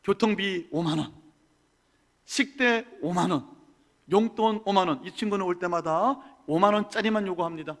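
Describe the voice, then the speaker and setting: High-voiced male pastor preaching dramatically. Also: moderate pace. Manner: dramatic, swings from hushed to loud. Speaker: senior pastor. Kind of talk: sermon. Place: church sanctuary. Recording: church hall with long reverb.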